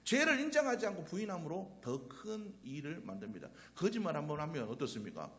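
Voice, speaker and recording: A lively, animated Korean pastor preaching. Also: male voice, fairly high pitch, fairly quick. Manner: preaches with a lively rise and fall, voice surging loud on repeated phrases; asks the congregation rhetorical questions, then answers them himself. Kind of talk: sermon. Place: church sanctuary.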